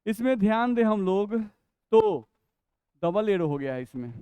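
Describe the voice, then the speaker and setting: Male teacher, Bihari Hindi accent, high clear voice, patient step-by-step explainer, dry close recording. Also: very animated, dark tone, no room sound. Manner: explains step by step, asks and answers his own questions; reads English definitions slowly and deliberately. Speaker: chemistry teacher. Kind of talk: classroom lecture.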